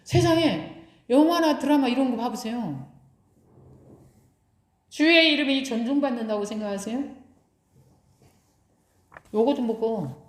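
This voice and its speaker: A woman's voice: fairly high pitch, expressive, measured pace, long pauses. A woman pastor preaching a sermon, putting rhetorical questions to her congregation and answering them herself. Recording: echoey room.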